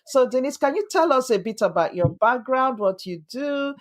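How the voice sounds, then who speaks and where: A woman's voice: high-pitched, expressive, moderate pace. Encouraging woman podcast host. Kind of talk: podcast interview.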